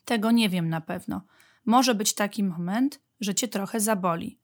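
A woman voicing a patient, gentle mother badger in a storybook reading, calm and reassuring. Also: mid-range voice, moderate pace, close to an everyday voice. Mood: soothing.

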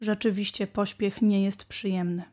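A woman's voice: medium pitch, normal speed, natural voice. A woman voicing a busy rabbit father in a storybook, urging his son to hurry. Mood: calm. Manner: urgent calls, later calm and gentle. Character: busy rabbit father, hurried then calm.

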